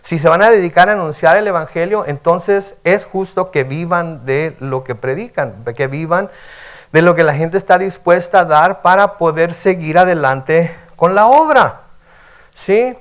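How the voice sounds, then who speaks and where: A pastor teaches the Bible at a midweek service, reading verses aloud and then explaining them. His voice sits a little high for a man, and he talks in a relaxed, conversational way, often tagging on a questioning "right?" to draw in the listeners. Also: a little slow. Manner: conversational, frequent "¿verdad?" tags, reads scripture aloud and explains.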